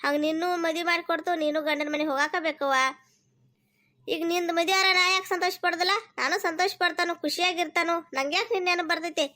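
A woman's voice: very high voice, steady tone, fast. A woman voicing a loving village mother in a cartoon, speaking with a North Karnataka Kannada accent and coaxing her daughter tenderly. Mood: reassuring. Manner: tender, coaxing, scolding gently. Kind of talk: cartoon voice acting.

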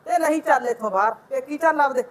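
A woman's voice: high-pitched, fast talker, lightly acted. A woman playing a bossy, nagging village mother-in-law in a comedy skit, with a Malwai Punjabi accent. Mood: scolding. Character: scolding middle-aged village mother-in-law.

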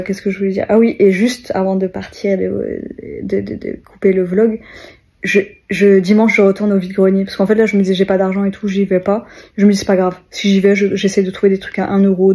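Young woman vlogger, rambling casual chat, soft mellow tone. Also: medium pitch, slightly rough. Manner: rambling, chatty, many fillers and restarts.

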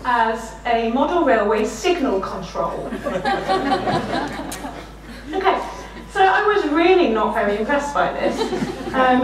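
A middle-aged woman with a high-pitched, slightly croaky voice delivers a keynote behind a desk in a lecture room. She's warm and anecdotal, makes fun of herself, and often laughs while talking. The sound is echoey, picked up by a room mic far away.

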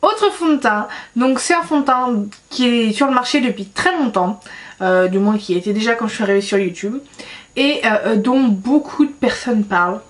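A woman's voice: a little high, normal speed. A young woman talking casually as a beauty vlogger, chatty and self-mocking, with many fillers. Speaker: beauty YouTuber. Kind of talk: casual vlog chat.

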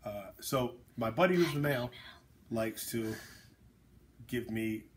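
A man's voice: mid-range voice, animated, takes it slowly, a little hiss or hum. Blunt joking man in casual chat. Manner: blunt, joking, rambling with fillers. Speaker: author and host.

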